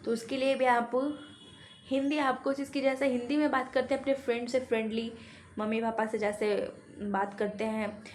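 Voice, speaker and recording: Brief: female teacher, slightly high voice, patient repetitive explaining, faint background hiss. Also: level tone, moderate pace. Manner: explains patiently, repeats words and examples. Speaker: English teacher. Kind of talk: casual spoken-English lesson.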